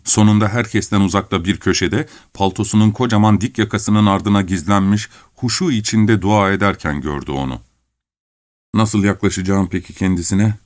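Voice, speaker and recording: Low-voiced man narrating a story. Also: no echo, studio quality. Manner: measured, unhurried reading with deliberate pauses. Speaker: audiobook narrator.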